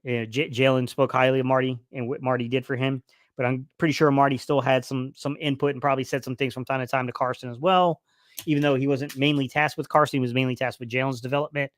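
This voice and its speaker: With a quick pace and little pitch movement in a medium-pitched voice, a man hosts a casual football livestream and reads the chat aloud. He rambles, full of fillers and restarts, as his voice starts to wear out. The recording is dry and studio quality.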